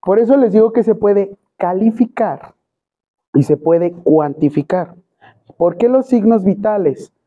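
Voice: mid-range voice, animated, a little slow. A teacher with a Mexican Spanish accent gives a classroom lecture and keeps quizzing the students with questions. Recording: tinny phone-quality recording.

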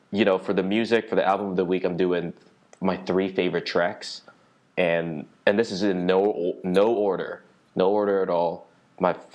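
A young man with a low-pitched voice hosts a casual solo podcast from a little library conference room. He rambles loosely in slang and swears freely as he goes.

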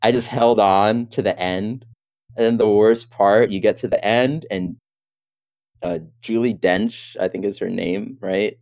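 A man's voice: fairly low pitch, steady tone, a little slow, a little mellow. A man in casual chat, telling a story with exasperation and acting out his own reactions.

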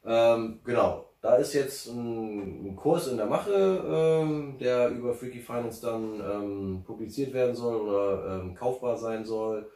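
A man's voice: mid-range voice, expressive, measured pace, few pauses, warm tone. A man being interviewed, talking casually and rambling with many fillers and restarts. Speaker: interview guest, finance blogger. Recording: roomy, distant from mic.

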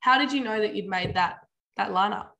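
A woman's voice: medium pitch, fairly quick, vocal fry, pushed and bright, dull audio. A woman with an Australian accent hosting a casual interview, asking questions in an informal, slangy, conversational way. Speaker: podcast host, interviewer.

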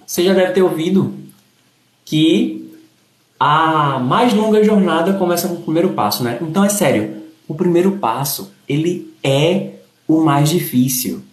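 Speaking at a measured pace in a fairly high, expressive voice, a man hosts a casual motivational livestream, explaining and thanking his viewers. His Recife Brazilian accent turns s into a slushy sh, and the recording sounds echoey and roomy.

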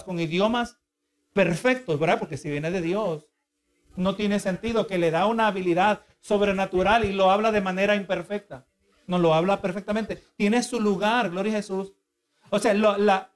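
A male preacher giving a sermon, earnest and explanatory, who keeps asking the congregation for agreement. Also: high-pitched. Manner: asks the congregation for agreement again and again; earnest, explanatory, with repeated restarts.

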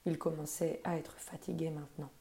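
A woman storyteller reading a children's story aloud in a gentle, expressive way. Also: low-pitched, a little fast, vocal fry.

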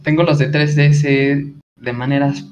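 A man's voice: on the high side, level tone, unhurried, darkish tone, dull audio, a little hiss or hum. A man, a streamer guest chatting casually and hesitantly with fillers.

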